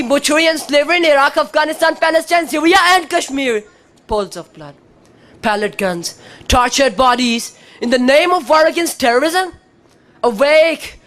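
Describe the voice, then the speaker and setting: A woman with a Pakistani accent declaims in a high-pitched voice. Her elocution is precise and deliberate, broken into short, emphatic phrases. The delivery is theatrical, like a formal declamation contest speech. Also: a bit bright. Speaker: student competitor in a declamation contest.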